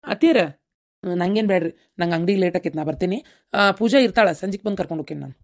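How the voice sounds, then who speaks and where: Woman voicing cartoon village relatives, North Karnataka Kannada accent, brisk, reassuring, low pitch. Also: close to an everyday voice. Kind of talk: cartoon voice acting.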